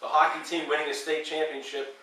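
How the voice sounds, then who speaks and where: A man hosting a local radio talk show, speaking haltingly with many fillers. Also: a little high, level tone, pushed and bright. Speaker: radio host. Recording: echoey room from far off, faint noise.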